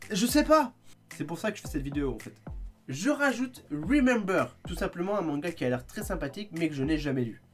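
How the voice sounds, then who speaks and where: A man chatting casually in a video review, lively with quick asides, sounding tired. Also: fairly high pitch. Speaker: manga vlogger.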